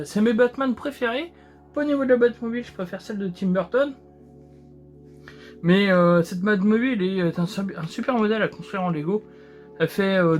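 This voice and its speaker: A man's voice: sits high, darkish tone. A man hosting his own show, chatting casually with many hesitations and restarts while he builds a model. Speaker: host.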